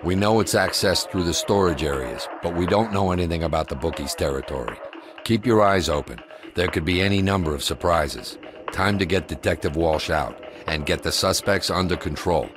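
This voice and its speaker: Deep, grave American commander giving a briefing , acted by a man. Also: over music, natural voice. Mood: grave, commanding. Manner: grave commanding briefing, measured and matter-of-fact. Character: grave, commanding male SWAT commander briefing his team. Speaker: police tactical commander. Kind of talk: scripted mission briefing for a video game.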